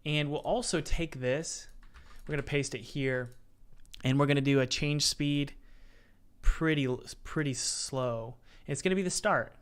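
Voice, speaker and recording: A man's voice: on the high side, measured pace, smooth. Casual man thinking aloud at his desk. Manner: thinks aloud, restarts, reads chat messages. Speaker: indie game developer streaming his work. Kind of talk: casual live-stream chat while working.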